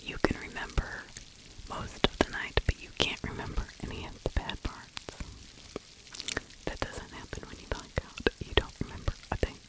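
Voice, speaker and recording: This true crime ASMR host, a middle-aged woman, speaks entirely in a breathy, unvoiced whisper at a moderate pace, her mouth close to a furry-windscreened microphone in a small room. The audio quality is poor. Her narration is chatty and opinionated, as if giving her personal view of the case.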